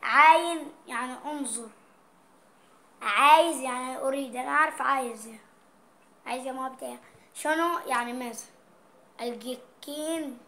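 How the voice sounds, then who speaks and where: A playful Egyptian woman vlogging, her voice sitting high and light. She talks casually, reading out words one by one and explaining each one, with a faint hiss underneath. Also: normal speed, long pauses, pushed and bright. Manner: playful, reading out dialect words and their meanings. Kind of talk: casual vlog chat.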